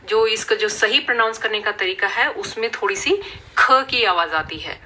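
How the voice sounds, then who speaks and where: Woman, Indian accent, patient phonics teacher, bright clear tone. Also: medium pitch. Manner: slow, patient, demonstrating each sound. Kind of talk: phonics lesson.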